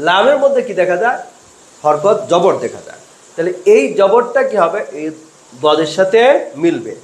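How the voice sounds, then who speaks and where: A man's voice: sits high, reverberant. A man teaching Quran reading step by step, asking questions and answering them himself. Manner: slow, asks and answers own questions. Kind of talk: step-by-step spelling lesson.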